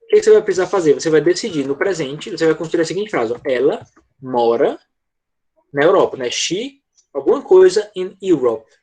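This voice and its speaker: A husky-voiced man teaching an online class over a computer mic, his pitch sitting a little high for a man. He explains grammar patiently, checks in with students all the time and slows right down to model each word. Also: expressive, a little mellow. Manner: slows down to model English words. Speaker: English teacher.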